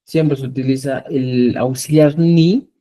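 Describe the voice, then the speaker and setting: A man's voice: medium pitch, fairly even intonation, takes it slowly, warm tone. A man teaching a Quechua class, explaining patiently and often checking that students follow. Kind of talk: classroom lesson.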